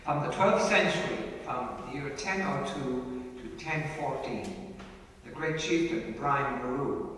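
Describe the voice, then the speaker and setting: A man's voice: medium pitch, a bit bright. An older man from County Clare with a west of Ireland accent, giving an informal local history talk with chatty asides to his listeners. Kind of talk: informal local history talk to an audience, with some recited verse. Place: large reverberant indoor space. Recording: echoey hall, distant mic, faint noise.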